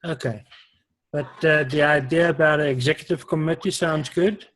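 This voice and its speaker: A man's voice: on the high side, steady tone, moderate pace, a bit bright, a little hiss or hum. A man joining a meeting remotely over a call line, answering briefly and apologetically. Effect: remote voice over a call line, distant from the mic. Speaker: meeting participant. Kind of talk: casual meeting talk.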